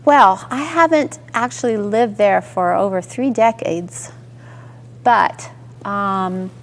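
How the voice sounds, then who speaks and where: A woman from Georgia, a guest musician answering interview questions slowly and thoughtfully with pauses. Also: medium pitch, a little hiss or hum. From Georgia, United States. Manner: slow and thoughtful, many pauses.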